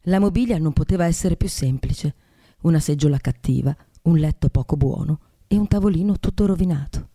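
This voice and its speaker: A woman podcast host reading a classic tale aloud in a measured, expressive way. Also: sits low.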